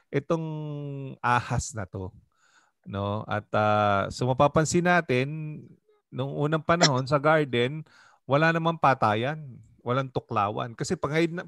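Animated Filipino pastor teaching. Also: male voice, mid-range voice, no echo. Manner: animated, conversational, asks the group questions. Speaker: pastor leading a Bible study group. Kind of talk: Bible study teaching in mixed Tagalog and English.

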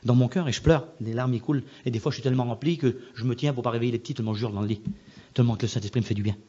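A man, a pastor, telling a personal testimony in a sermon, repetitive and emphatic, moving between hushed and loud passages. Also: mid-range voice, steady tone, racing, highs cut off.

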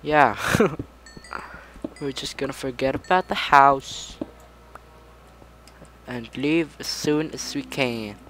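Slow, chatty man narrating gameplay. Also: mid-range voice, slight background noise. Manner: rambling, chatty, prone to sudden excited outbursts. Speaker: gaming channel host. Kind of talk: casual gameplay commentary.

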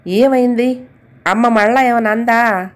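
A woman voicing a calm, patient middle-aged husband who speaks gently. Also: fairly high pitch, measured pace, close to an everyday voice. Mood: soothing. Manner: gentle, soothing.

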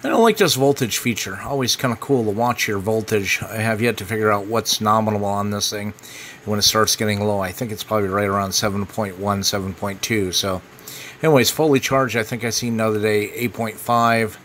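Speaking fairly quickly in a lowish voice, this American amateur radio hobbyist delivers a casual, no-nonsense product review. Background noise is clearly audible in the bright recording.

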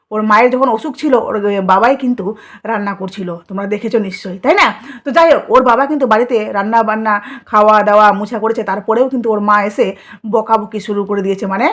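A woman vlogger, delivering scolding, mocking commentary full of rhetorical questions. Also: fairly high pitch. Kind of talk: commentary vlog.

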